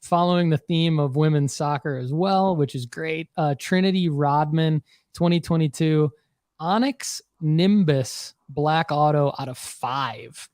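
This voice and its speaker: A man with a slightly high voice hosts a casual podcast panel. He banters bluntly with the others, in a dry, close recording. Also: a little slow, darkish tone, no room sound. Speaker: podcast host.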